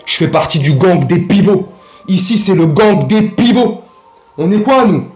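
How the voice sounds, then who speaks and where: A man's voice: sits high, animated, unhurried, darkish tone, faint music behind. Heated slangy man ranting in an echoey room. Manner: slangy, heated, rambling with restarts. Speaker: football fan vlogger. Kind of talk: casual ranting vlog.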